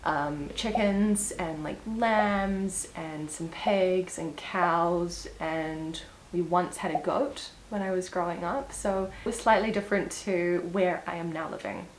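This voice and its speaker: Chatty New Zealand woman, slightly low voice. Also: slow pace, a little hiss or hum, rough recording. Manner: chatty and upbeat, with little laughs and fillers. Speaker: vlogger. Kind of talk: casual get-to-know-me vlog. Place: indoors at home, seated. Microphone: small clip-on mic.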